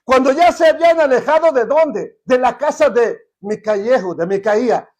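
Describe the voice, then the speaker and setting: High-voiced man teaching a Bible study. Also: normal speed, darkish tone. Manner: conversational, checks in with rhetorical questions.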